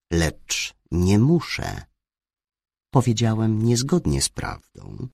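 A man's voice: rumbling low, creaky, breathy edge, no room sound, clean studio sound. A man narrating a first-person novel as an audiobook, in a wry, sardonic manner.

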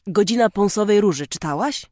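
The narrator reads the lines of a shy young man met at a pilgrimage, speaking softly and hesitantly. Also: medium pitch, animated, brisk, dry recording, clean studio sound, voice pushed up, close to an everyday voice. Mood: admiring.

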